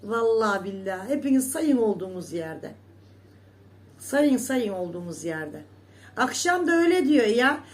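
Indignant woman ranting to her viewers. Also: high voice. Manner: indignant, scolding rant; repetitive, emphatic oaths. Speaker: vlogger. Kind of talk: casual monologue to viewers.

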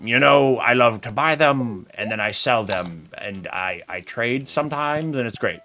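This young American streamer speaks at medium pitch and a little slowly, with a bit of hiss or hum on the recording. Gaming from a small home room, he tells animated stories and reads chat aloud as faint game music plays.

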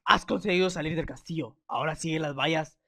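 A young man with a Mexican accent doing excitable, swear-filled gameplay commentary, reading in-game signs aloud. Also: on the high side, fast, vocal fry, no echo, studio quality. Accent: Mexican Spanish. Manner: excitable, swears, yells when startled.

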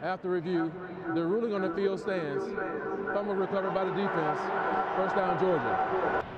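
Muffled male referee making a penalty-style announcement. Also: sits high. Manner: formal, measured phrasing. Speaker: football referee. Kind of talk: referee penalty announcement, formal ruling over stadium PA. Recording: muffled stadium PA, loud crowd noise.

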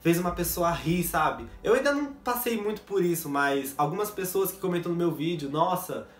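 A man's voice: high-pitched, expressive, normal speed, echoey room, faint music behind. A young man from São chatting casually to camera in a jokey, self-mocking vlog, recorded at home on a basic camera mic. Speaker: YouTuber. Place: bedroom set at home.

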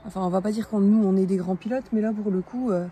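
A woman in her forties chatting casually as a travel vlogger, with many filler pauses, talking to a camera held at arm's length. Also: medium pitch, fairly even intonation, mellow. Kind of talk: casual vlog narration. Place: camper van and outdoor campsite. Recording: noisy road and vehicle background.

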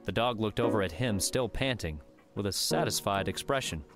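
A man narrating an audiobook in steady, even storytelling. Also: on the low side, normal speed, over music. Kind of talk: scripted narration.

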